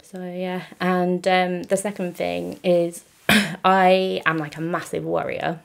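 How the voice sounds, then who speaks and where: A woman's voice: on the low side, flat delivery, slow, gravelly. A young woman from just outside London, chatting casually with lots of fillers and laughter as she shares her testimony. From just outside London, England. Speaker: interview guest.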